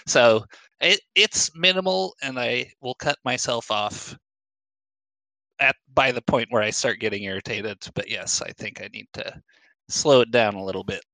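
A young man with a bright, clear voice talking loosely about games with friends. He wanders through his thoughts and often restarts mid-sentence. The recording is close and dry. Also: mid-range voice, normal speed, no room sound, rough recording. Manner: relaxed, rambling with frequent restarts. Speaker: podcast co-host. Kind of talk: casual chat.

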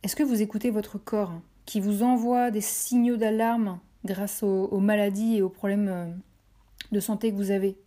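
A French woman with a warm, mid-range voice hosts a motivational podcast, delivering it flatly at normal speed. She encourages listeners by talking right to them and repeating phrases for emphasis.

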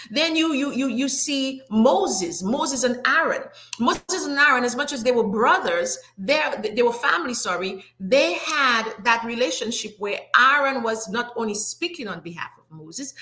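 Bright-voiced woman preaching to a live chat. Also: a little high. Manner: preachy, repeats and restarts words, calls out to listeners. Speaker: talk show host. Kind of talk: motivational faith talk to a live chat.

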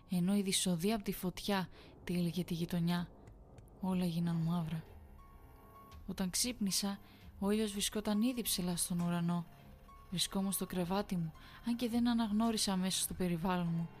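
A woman's voice: mid-range voice, darkish tone. Woman narrating a horror story.

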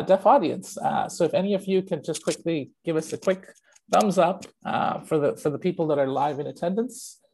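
A host on a video call, hoarse and slightly rough from a throat infection. The delivery is chatty and loose, full of ums and uhs. The pitch sits in the middle range. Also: mellow, poor audio. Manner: informal, filler-heavy, chatty. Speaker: webinar host. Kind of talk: hosting a live online webinar.

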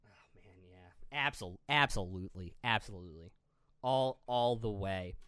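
A man co-hosting a casual podcast chat, animated, often repeating words as he thinks. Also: lowish voice, moderate pace, smooth, no echo. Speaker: podcast co-host.

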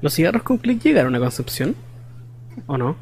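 A young man co-hosting a podcast, deadpan and teasing. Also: on the high side, normal speed, gravelly, breathy edge. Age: young adult. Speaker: podcast co-host. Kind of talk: casual comedic chat.

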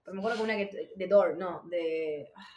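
Fast-talking Rioplatense woman in an echoey room. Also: fairly low pitch, muffled recording, slight background noise. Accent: Rioplatense Spanish. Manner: fast, animated, swearing, lots of fillers. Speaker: podcast host. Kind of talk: casual chat.

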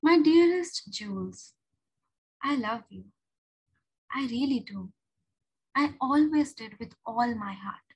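A woman's voice: sits high, slow pace, long pauses, a little mellow, slightly rough, exaggerated voice, rough recording. Woman voicing a tender, guilt-torn young partner. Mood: loving.

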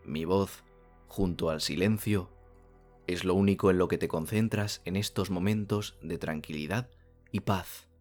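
A man from guides a sleep relaxation in the manner of a sleep story narrator. His delivery is calm and soothing, with long pauses between phrases. Soft music plays behind him. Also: sits low.

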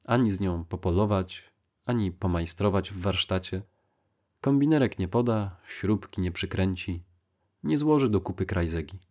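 A gruff, exacting father, once an army officer, grumbles in short, curt phrases, as a male audiobook reader voices him. His voice sits fairly low and stays close to the narrator's own. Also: animated, normal speed, dark tone. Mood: grumbling.

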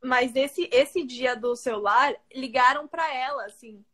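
High-voiced São woman telling stories. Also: measured pace. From São Paulo, Brazil. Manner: lively storyteller who acts out quotes and sound effects. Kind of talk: casual chat.

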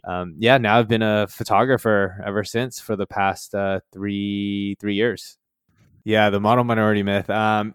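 A young man from the San Francisco Bay Area, a photographer, answering interview questions in a relaxed way with many fillers. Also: lowish voice, clear, resonant tone, dry recording, studio quality. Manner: relaxed, with fillers like "um" and "you know".

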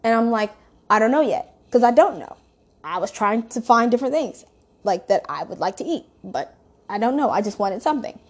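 A woman's voice: fairly high pitch, brisk. A woman telling a story in a casual, rambling way, swearing freely. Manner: profane, rambling, animated storytelling.

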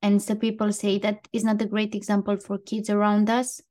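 A woman's voice: mid-range voice, monotone, normal speed, a little mellow. Woman co-hosting a chatty podcast. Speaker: podcast co-host. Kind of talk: casual podcast chat.

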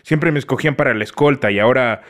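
An actor playing a gloomy eleven-year-old boy with a deep, breaking voice and a Mexican accent, whining and complaining to his father. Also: quick pace, a bit bright, close to an everyday voice. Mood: sulky. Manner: whiny, sulky complaining.

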